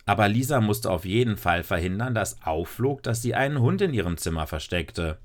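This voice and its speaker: A man narrating a children's story in a lively, expressive way. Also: lowish voice, moderate pace. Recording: noisy recording with clicks.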